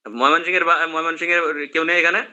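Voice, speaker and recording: A male teacher with a very bright, forceful tone, speaking a little above the usual male pitch. He lectures by asking his class questions and waiting for them to agree. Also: fairly even intonation, quick pace, lo-fi sound. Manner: explains in questions, checks with students.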